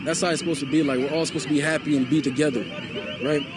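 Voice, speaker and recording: A young man from Liberia, interviewed on the street at a night protest by a mall, talks rapid-fire in a high-ish voice with fairly even intonation. He's passionate and repeats himself, frequently adding "you know?" as noise fills the background.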